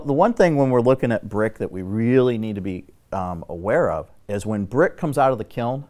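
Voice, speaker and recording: Man, middle-aged, low-ish voice, technical, instructive, guest expert, studio talk show. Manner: steady, technical, instructive explaining. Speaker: exterior building expert guest. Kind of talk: explanatory talk show conversation.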